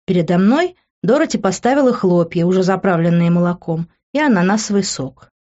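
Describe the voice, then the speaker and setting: A woman reading a first-person audiobook narration in a playful, lively way, switching between character voices. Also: lowish voice, fairly quick. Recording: dull lo-fi recording.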